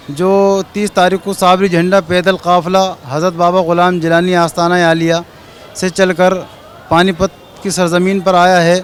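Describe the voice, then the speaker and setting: High, even-voiced man speaking haltingly. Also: slight background noise. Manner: halting, with formal Urdu religious vocabulary.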